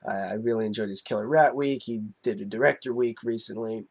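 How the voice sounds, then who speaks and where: A man's voice: lowish voice, steady tone, brisk, vocal fry. A man with a cold, sounding nasal and congested, casually reviewing a horror film with many fillers and restarts.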